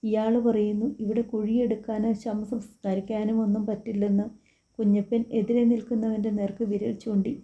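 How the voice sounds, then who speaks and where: A woman narrating an audiobook story, softly voicing the characters' quoted lines. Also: medium pitch, little pitch movement, moderate pace, highs cut off. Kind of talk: scripted narration with character dialogue.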